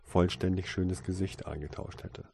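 A man calmly reading a story aloud as an audiobook narrator, in steady storytelling narration. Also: sits low, moderate pace, creaky, a little hiss or hum. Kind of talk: scripted narration.

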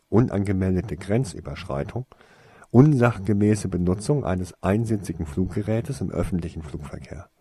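A man reading a fantasy story aloud in a measured, even narration. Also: low-pitched, husky, dry recording. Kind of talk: audiobook fiction reading.

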